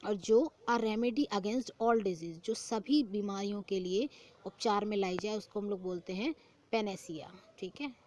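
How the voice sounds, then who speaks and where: A young woman teaching an exam-prep vocabulary lesson, reading each English phrase slowly and explaining it in Hindi, often repeating the answer as a question. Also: mid-range voice, darkish tone.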